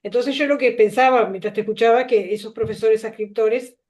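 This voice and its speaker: A woman's voice: fairly high pitch, steady tone, brisk, darkish tone. A middle-aged woman from Uruguay with a Uruguayan accent, a teacher educator speaking thoughtfully in a workshop discussion over a video call. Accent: Uruguayan Spanish. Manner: thoughtful, uses filler "este".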